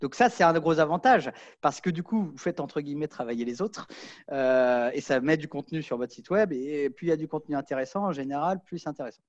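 A man's voice: a little high, lively intonation, a little fast, muffled recording. A man on a webinar panel explaining a term casually with everyday examples over a video call. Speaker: co-founder, panelist.

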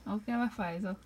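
A woman with a Brazilian Portuguese accent chatting casually in a home video, pointing things out and slipping into high baby talk for her pet bird. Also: a little mellow, slightly rough.

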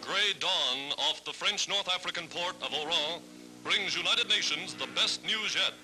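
A man's old newsreel narration, delivered in a rousing, dramatic newsreel manner. His voice sits high. Loud music plays under it throughout. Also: normal speed, rough recording. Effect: old newsreel sound.

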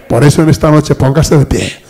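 A man's voice: a little high, moderate pace. An older man, preaching a sermon as pastor and acting out the dialogue of people in his stories. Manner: preaching with lively acted-out dialogue.

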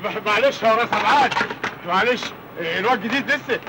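An actor playing a poor, harried uncle who soothes and placates, with an Egyptian accent. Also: male voice, high-pitched, fast talker, very noisy, close to an everyday voice. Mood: placating. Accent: Egyptian Arabic.

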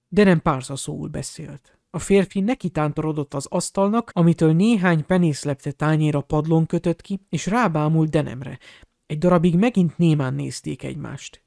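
A man narrating an audiobook in a steady, expressive storytelling voice on a close mic. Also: fairly high pitch, gravelly, no room sound. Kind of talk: audiobook reading.

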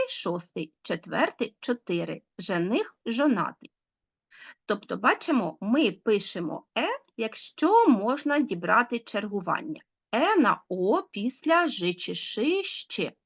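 A woman teacher giving a recorded school lesson, clearly and deliberately dictating example words to pupils. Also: a little high, muffled recording.

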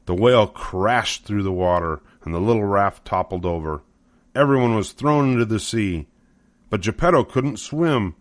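The narrator of this children's story is an older man whose voice sits fairly low, reading scripted storybook lines at normal speed. He is miked close, and the sound is dry without echo.

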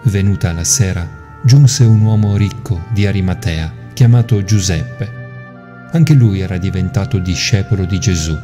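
Priest reading scripture, lowish voice, solemn and measured, music playing under. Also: male voice, warm tone.

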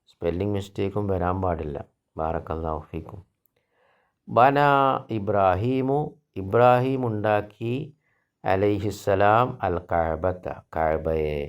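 A man teaches an Arabic grammar lesson in a deep, low voice with a gravelly edge. He speaks slowly, reading each Arabic phrase and then explaining it in his own language. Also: a little mellow. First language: Malayalam.

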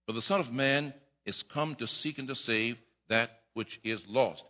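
A middle-aged man preaching a sermon at a lectern, acting out voices, repeating himself and rising to shouts. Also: mid-range voice, a little slow. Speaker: pastor. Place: church sanctuary at a lectern. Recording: long reverb of a church hall.

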